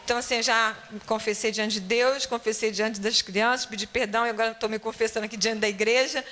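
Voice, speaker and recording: Bright-voiced Brazilian woman teacher. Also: a little high, fairly even intonation, fast. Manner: conversational storytelling, frequent tag questions. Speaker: Bible-school teacher. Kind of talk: personal testimony in a church class. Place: church.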